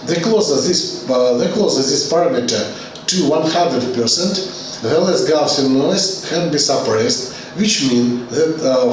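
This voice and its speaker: A man presents research findings at a conference in a halting way, repeating phrases and filling pauses with "uh". He sounds far from the mic, in a very echoey space with faint noise behind. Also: mid-range voice. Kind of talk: reading a technical presentation.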